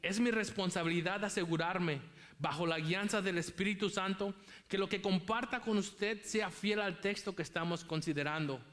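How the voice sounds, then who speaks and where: A man's voice: high voice, normal speed, a bit bright. A man preaching a sermon as pastor, emphatic and repeating key phrases for weight.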